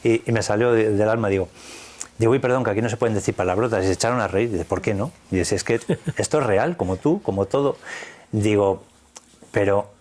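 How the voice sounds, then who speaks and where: A man's voice: fairly low pitch, fairly quick, a little mellow. A man from Spain with a Spanish accent, recounting a personal experience in earnest, vivid detail, quoting the dialogue. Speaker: interview guest.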